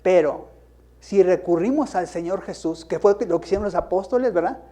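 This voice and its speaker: A man's voice: high voice, normal speed, mellow. A male pastor gives a sermon. He asks rhetorical questions and rises into emphatic bursts.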